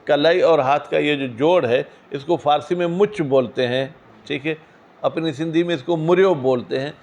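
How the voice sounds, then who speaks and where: A man teaching a seminary class, reading Arabic phrases slowly, then explaining them in quick, questioning asides to his students. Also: on the high side, darkish tone. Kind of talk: classroom lecture on a legal text.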